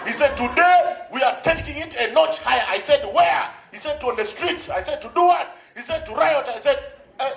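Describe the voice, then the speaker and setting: A man's voice: extremely high pitch, lively intonation, fairly quick, creaky, fairly bright tone, soft background music. A man with a Ugandan accent telling a stand-up comedy story on stage, animatedly acting out dialogue with exclamations. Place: live comedy show on stage before an audience. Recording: echoey live stage recording, crowd noise.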